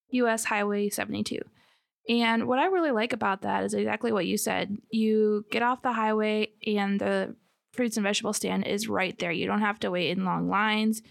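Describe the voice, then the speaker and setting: A woman's voice: medium pitch, vocal fry, no echo, studio quality. A woman from Michigan with an American accent, chatting casually as a podcast co-host. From Michigan, United States. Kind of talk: casual conversational chat.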